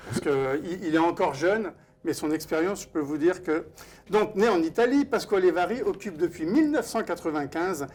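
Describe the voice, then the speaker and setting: This host, also a wine author, speaks from a cooking school studio kitchen, greeting the online audience of a live-streamed cooking event and formally presenting the guest chef. He has a fairly high, darkish voice with lively intonation and a moderate pace.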